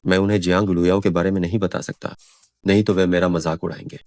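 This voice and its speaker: A man voicing a rich, proud young boss in a dubbed drama, gruff and sulky. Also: deep voice, level tone, quick pace, darkish tone, dry recording, faint music behind, close to an everyday voice.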